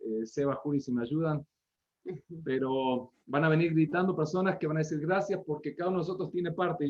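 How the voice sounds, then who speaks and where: A man's voice: on the high side, highs cut off. Joking man on a video call. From Argentine Patagonia. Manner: joking, lively storytelling. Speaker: missionary. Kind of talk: missionary report.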